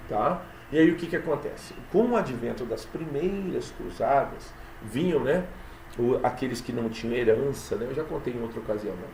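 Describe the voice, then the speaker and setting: A male literature teacher, explaining a lesson step by step. He checks in with "tá?" and "né?" all the time and reads poems aloud slowly to count their syllables. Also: mid-range voice, vocal fry, darkish tone. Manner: explanatory, repeats "tá?" and "né?" often. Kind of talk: recorded classroom lesson. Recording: echoey room with light ambient noise.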